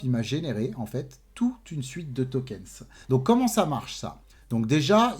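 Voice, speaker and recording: A man with a mellow, relaxed tone walks viewers through software on his screen. He explains patiently, dropping casual fillers and checking in with his listeners, recorded at a desk mic in a home office. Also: mid-range voice. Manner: explanatory, frequent "d'accord" and "bah" fillers, addresses viewers directly. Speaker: tech tutorial host. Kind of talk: screen-share tutorial. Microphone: desk mic with webcam.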